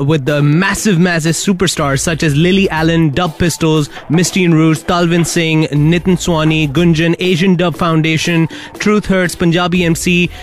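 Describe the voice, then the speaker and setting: A man presenting a radio show in an upbeat, emphatic, hype-filled style as he interviews a guest. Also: fairly high pitch. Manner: enthusiastic, emphatic, repetitive hype. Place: radio studio.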